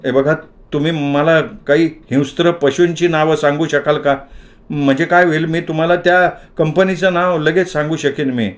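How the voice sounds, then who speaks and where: A man's voice: a little high, fairly even intonation, normal speed, lightly acted. A man voicing an earnest young man from a village, pleading and protesting his innocence.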